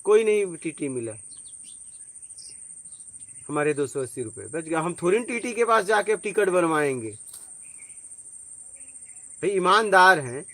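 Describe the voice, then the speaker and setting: Man, spiritual teacher, informal talk, conversational storyteller, asks if you follow, slightly high voice. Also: animated, unhurried, pauses often, bright, forceful tone, dry recording. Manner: conversational, tells personal stories, asks listeners if they follow.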